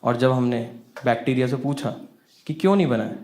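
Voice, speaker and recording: A young man performing stand-up comedy, telling an animated story that rises into exasperated outbursts. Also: medium pitch, a little fast.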